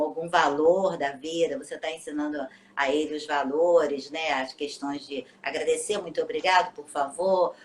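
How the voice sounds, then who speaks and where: A woman teacher, patiently explaining in a casual live interview and often ending with tag questions. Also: mid-range voice. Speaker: teacher and children's book author.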